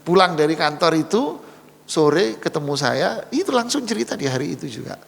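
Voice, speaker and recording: A male preacher gives an animated storytelling sermon, voicing the characters in his tale. His voice is gravelly and sits a little high, and his intonation swings widely. A long reverb trails his words through the mosque hall. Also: moderate pace. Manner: animated, acts out the people in his stories. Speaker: Islamic preacher.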